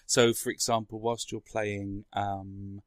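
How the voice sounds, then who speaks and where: A man's voice: on the low side, little pitch movement, slow, dry recording, studio quality. A man in a casual tech chat, explaining things in a rambling way as a podcast speaker. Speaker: podcast guest or co-host explaining a console.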